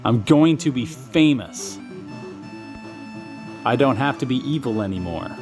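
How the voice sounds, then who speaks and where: A man reads the lines of a scheming alien meteor in a retro video game who is overjoyed at the thought of fame. The voice stays ordinary and mid-pitched. Faint game music sits behind it. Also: animated, measured pace, a little mellow. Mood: gleeful. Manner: plain reading of the lines, barely acted.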